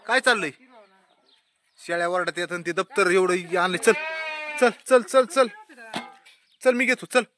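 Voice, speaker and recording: A man's voice: sits high, measured pace, long pauses, noisy background. A man, vlogging casually while scolding and coaxing a small child at home. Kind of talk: casual family vlog chatter.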